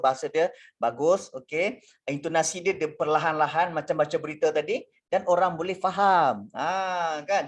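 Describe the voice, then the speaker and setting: Man, Malaysian accent, high voice, encouraging webinar coach, video call. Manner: encouraging, mixes English into Malay. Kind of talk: online workshop feedback.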